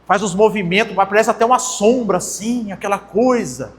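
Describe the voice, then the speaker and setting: At a normal speed and with a voice that sits high, a young man with a Brazilian Portuguese accent preaches as a pastor, speaking conversationally to the congregation as brothers. The church hall adds long reverb.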